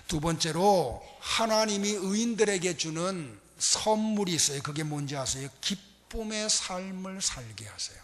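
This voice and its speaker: A man preaching a sermon as a pastor, emphatic, swinging between loud urgency and hushed, intimate asides. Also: fairly high pitch. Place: church sanctuary. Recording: long reverb of a church hall.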